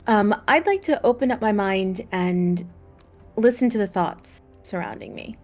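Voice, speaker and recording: A woman's voice: medium pitch, lively intonation, a little slow, darkish tone, soft background music. A woman playing in a tabletop role-playing game, speaking a little hesitantly. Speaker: player. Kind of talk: casual tabletop play.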